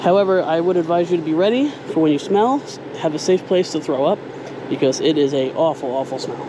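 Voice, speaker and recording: Man, fairly high voice, casual DIY vlog host, outdoors, clear background noise of hum and traffic. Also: a little fast. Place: outdoors at an RV, partly on its roof.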